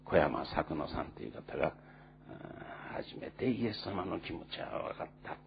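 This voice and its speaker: Casting note: male pastor, low lively delivery, earnest and unhurried sermon with fillers, slightly muffled recording with faint hum. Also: creaky. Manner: earnest storytelling with many pauses and fillers.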